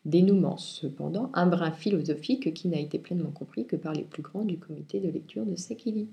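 A woman reviewing and reading a children's picture book aloud in clear, expressive storytelling. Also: fairly low pitch, a little fast, dull audio. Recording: roomy echo.

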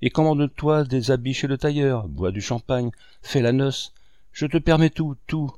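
A man's voice: medium pitch, normal speed, darkish tone, dry recording, studio quality, pitched above the performer's own voice, natural voice. A man voicing a pleading lovesick woman. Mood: adoring, imploring. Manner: imploring, tearful pleading. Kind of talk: audiobook character reading.

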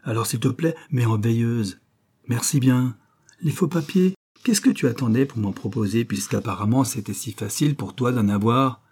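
A man's voice: mid-range voice, moderate pace, a little mellow, slightly rough. A man reading an audiobook and voicing a doctor who defends himself, pleading and combative. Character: Louis, doctor defending himself, moody and stubborn.

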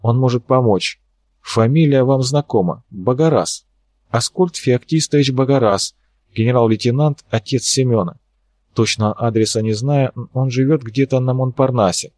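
A man's voice: medium pitch, normal speed, darkish tone, no echo, natural voice. A wry young woman scientist, anxious under her irony, speaks in a lightly lifted voice, as a male audiobook reader puts her on. The recording is dry and close, with no room around it.

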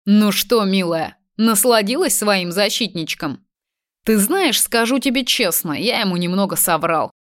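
A man's voice: sits high, animated, measured pace, a bit bright. A woman reading the part of a cruel, vengeful male kidnapper who taunts and gloats. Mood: gloating. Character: vengeful cruel young man kidnapper, mocking.

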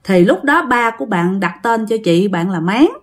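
A woman's voice: medium pitch, expressive, moderate pace. A woman with a Southern Vietnamese accent telling a ghost story in a chatty way, often addressing her listeners directly. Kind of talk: casual ghost story narration.

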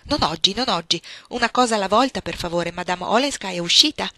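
A woman's voice: medium pitch, animated, fairly quick, pushed and bright, dry recording. A woman voicing a shrewd, imperious old grandmother who is bedridden, speaking in an insistent, sly and coaxing way in an audiobook.

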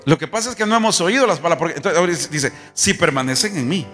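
A man's voice: fairly high pitch, animated, fast talker, over loud music. A man preaching a sermon, telling folksy stories and acting out conversations with rhetorical questions. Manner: folksy storytelling, acts out dialogue, rhetorical questions. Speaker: apostle preaching.

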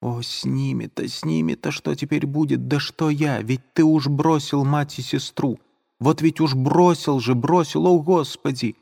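A man voicing a pious, desperate young woman who pleads in a high, strained voice. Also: fairly even intonation, moderate pace, hardly any pauses, a little mellow, lightly acted. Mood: despairing. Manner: fervent, imploring, high and strained. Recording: long reverb.

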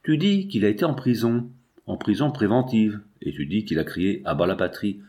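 A man's voice: fairly low pitch, expressive, moderate pace, mellow, close to an everyday voice. A man reading an earnest, pleading teenage girl. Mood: insistent. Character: earnest fifteen-year-old girl, grieving and pleading.

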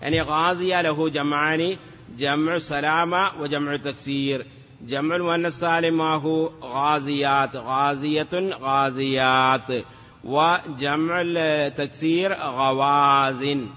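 A man's voice: on the high side, steady tone, measured pace, bright, forceful tone. A man teaching Arabic morphology in a lesson, chanting word forms and asking rhetorical questions. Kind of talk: classroom lesson. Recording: dull lo-fi sound with long reverb.

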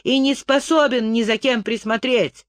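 A man reading an audiobook voices a frightened young noblewoman disguised as a boy, pleading in a high, urgent voice. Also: fairly even intonation, moderate pace, dry recording, studio quality. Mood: protesting.

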